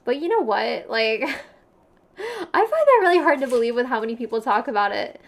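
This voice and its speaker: With a sing-song, slightly high voice at normal speed, a young woman hosts a livestream in a relaxed, chatty way. She speaks with a Valley Girl accent, uses slang, says "like" often, and laughs a lot between phrases.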